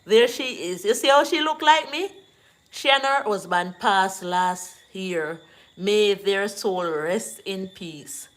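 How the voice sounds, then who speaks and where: Her voice mid-range, a Jamaican woman chats to viewers during a casual livestream, slowly and preachily reading out what they comment.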